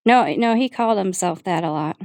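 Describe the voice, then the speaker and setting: A woman talking casually as the client in a one-to-one reading, in a hesitant, halting way. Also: mid-range voice, lively intonation, darkish tone. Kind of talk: casual conversation.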